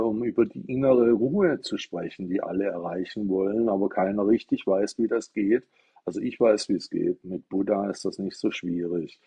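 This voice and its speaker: Husky, mellow-voiced man streaming from an iPad. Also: lowish voice. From southwest Germany. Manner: rambling, explanatory, poses rhetorical questions. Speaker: livestreamer talking about Buddhism. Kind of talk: casual live-stream monologue.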